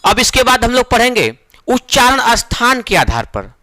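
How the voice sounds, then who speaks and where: A man teaching a Hindi exam-prep lesson, slow and emphatic. He repeats each point, asks and answers his own questions, and draws out vowel sounds to show them. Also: extremely high pitch, big pitch swings, sharp tone, no echo.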